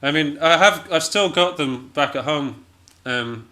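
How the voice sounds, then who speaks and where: Appearing as an interview guest, this jazz pianist and musician from Scotland talks casually, sounding hesitant, understated and self-deprecating. He has a slightly high, pushed, bright voice and never rushes.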